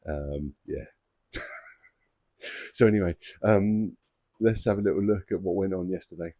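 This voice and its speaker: Low-voiced man telling a story. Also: unhurried, dark tone, no room sound. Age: adult father of two boys. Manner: chatty, self-mocking, laughs as he tells it. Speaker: koi-keeping vlogger. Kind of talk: casual storytelling to camera.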